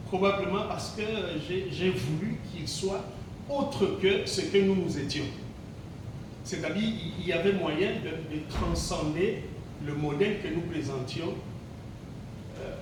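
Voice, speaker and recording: A teacher in his sixties from Congo (DRC) gives a reflective gala speech, hesitant, heavy with fillers and repeated words. His voice is on the high side and unhurried. The recording has a very echoey hall, a distant mic, and background noise.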